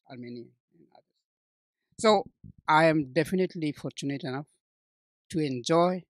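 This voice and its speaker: Gravelly older man from Bangladesh. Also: a little high, dry recording. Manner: hesitant, many restarts and fillers, warm laughs. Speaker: guest. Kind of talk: conversational interview.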